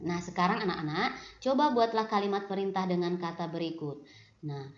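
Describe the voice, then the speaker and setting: A woman's voice: fairly low pitch, moderate pace, reverberant. A woman teaches young pupils in a recorded lesson. She speaks patiently and repeats her phrases. The room rings around her voice, and the sound is dull and lo-fi. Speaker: primary school teacher.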